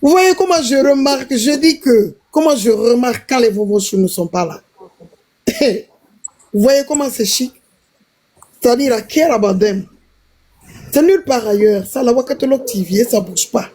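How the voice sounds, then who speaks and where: A woman's voice: a little high, animated, moderate pace, mellow, husky. A woman on a live stream panel chatting casually and teasing, often laughing.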